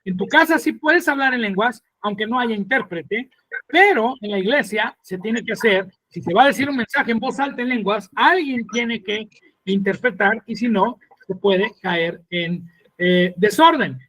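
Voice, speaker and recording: Male pastor, high voice, dry recording, earnest sermon teaching, pauses to explain. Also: bright, forceful tone, dry recording. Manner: mimics mocking voices in a higher pitch.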